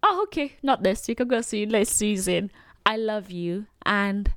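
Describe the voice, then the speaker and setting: A woman's voice: mid-range voice, expressive, moderate pace, noisy background. A young adult Nigerian woman hosting her own podcast, talking in a chatty, rambling way with fillers and little laughs. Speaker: podcast host. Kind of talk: solo podcast chat.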